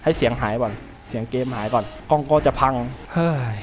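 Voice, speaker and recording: A man's voice: mid-range voice, a little fast, soft background music. A man commenting as he plays a horror game, talking to himself and yelping when startled. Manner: jumpy, talks to himself, yelps when startled. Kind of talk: gameplay commentary.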